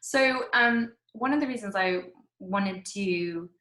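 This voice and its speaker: A woman's voice: mid-range voice, slow, sharp tone, echoey room, poor audio. A woman hosting a casual interview with an author over a video call, chatty and full of asides. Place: indoors at home.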